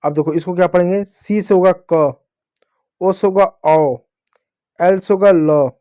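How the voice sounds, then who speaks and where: A man's voice: sits high, a little slow, dark tone. A man teaching children to spell English words letter by letter, repeating each answer. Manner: addresses the class as children. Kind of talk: spelling lesson for kids.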